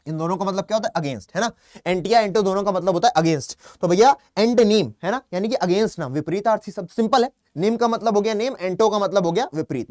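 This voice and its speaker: A man's voice: sits high, dry recording, clean studio sound. A young man with a Hindi accent teaching an online English vocabulary class, chatty, calling students "beta" and asking and then answering his own questions. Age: young adult. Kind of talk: online exam-prep class.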